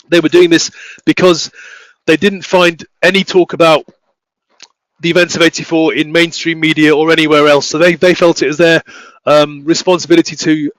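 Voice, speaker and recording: A man giving an academic talk, speaking haltingly with many restarts and fillers. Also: fairly high pitch, no room sound, poor audio. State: voice failing, coughing. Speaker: academic researcher presenting.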